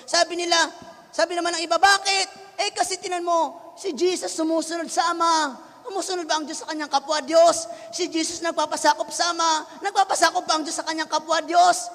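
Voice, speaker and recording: High-pitched Filipino pastor preaching in a reverberant hall. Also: male voice, steady tone, quick pace. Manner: switches between Tagalog and English, swings from hushed to shouting. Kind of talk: sermon.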